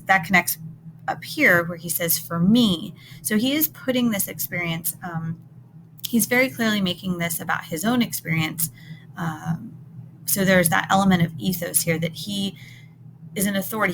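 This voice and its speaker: A woman with a somewhat low voice walks students through a text, thinking aloud and checking in with "right?". She explains patiently, like a recorded lesson. A steady hiss of noise sits under her voice. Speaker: teacher. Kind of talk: recorded classroom lesson, close reading. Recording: noticeable background noise.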